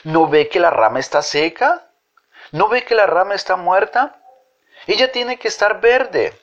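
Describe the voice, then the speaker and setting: A man voicing a blunt little boy who corrects a grown-up, in a high childish voice. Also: expressive, unhurried, fairly bright tone. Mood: insistent. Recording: dull lo-fi recording.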